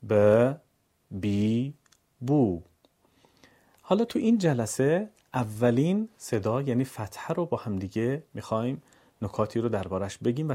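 Male recitation teacher, warm mellow tone, measured delivery with careful syllable drills. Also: mid-range voice. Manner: clear, measured teaching with slow syllable-by-syllable demonstrations. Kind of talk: instructional lesson with letter drills.

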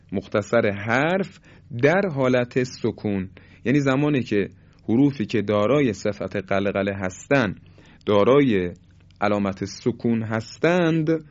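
Man slowly teaching Quran recitation rules. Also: mid-range voice, darkish tone. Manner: slow, drawn-out demonstration of letter sounds. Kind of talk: tajweed lesson. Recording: muffled lo-fi recording.

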